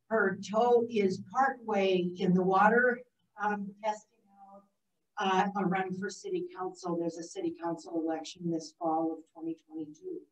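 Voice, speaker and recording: A hoarse woman, recovering from voice box surgery, casually introducing a speaker at a club meeting in a rambling, chatty way. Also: mid-range voice, darkish tone. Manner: rambling and chatty, thinks aloud. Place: meeting room. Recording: echoey room, distant muffled mic.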